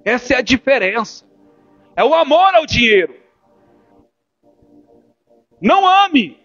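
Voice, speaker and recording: A man preaching a sermon as a pastor, swinging between forceful exhortation and hushed, intimate speech. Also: extremely high pitch, animated, normal speed, dry recording. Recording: dull lo-fi church recording with faint music.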